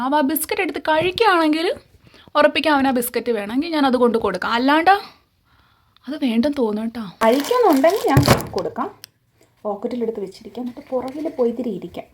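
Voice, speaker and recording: A woman's voice: high-pitched, lively intonation, rapid-fire, dry recording. A woman vlogging outdoors in her garden, chatting to a cat in a coaxing way while filming on her phone. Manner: chatty, coaxing, often cries out "ayyo". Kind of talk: casual vlog talk to a cat. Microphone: phone held while filming. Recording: noisy outdoor phone recording.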